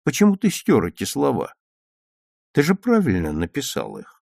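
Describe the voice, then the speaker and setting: A man reading aloud voices a kindly but strict male schoolteacher who speaks calmly and gently. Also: fairly low pitch, unhurried, creaky, dry recording, studio quality, voice pushed down, heavily acted. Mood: gentle.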